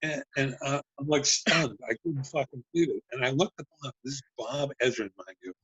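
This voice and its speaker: A man's voice: mid-range voice, fairly quick, breathy edge, no echo. An older man, a guest on a talk show, telling stories from his music industry days, swearing freely and acting out what others said in raised voices. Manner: animated storyteller who swears and acts out quotes in a raised voice. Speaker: talk show guest, former band promotions manager. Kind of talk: casual storytelling chat. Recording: dull lo-fi dry sound.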